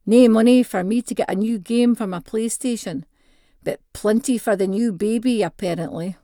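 The clean, studio-quality recording, with no room sound, features a woman reading aloud at normal speed in a slightly high voice. She has a North-East Scottish (Doric) accent and performs a first-person short story in dialect, voicing the dialogue with expression.

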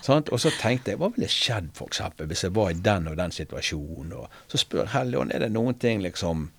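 A man's voice: sits low, sing-song, husky. A man telling a personal faith story in casual conversation, earnest, hesitant and full of fillers and restarts. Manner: earnest, preacher-like retelling. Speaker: interview guest sharing a testimony.

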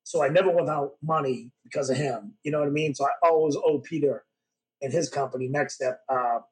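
Animated man telling stories, fairly high. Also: brisk, poor audio. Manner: animated storyteller who acts out dialogue. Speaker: podcast guest, former pro wrestler. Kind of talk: casual storytelling interview. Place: podcast studio.

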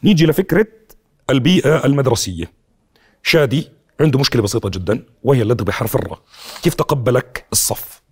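A man's voice: medium pitch, lively intonation, fast, slightly rough. A man with a Levantine Arabic accent hosting a talk show and interviewing guests.

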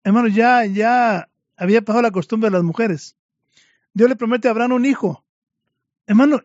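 A man's voice: extremely high pitch, a little mellow, dry recording. A man preaching a fervent sermon to his congregation, addressing them again and again as brothers, in a dull lo-fi recording.

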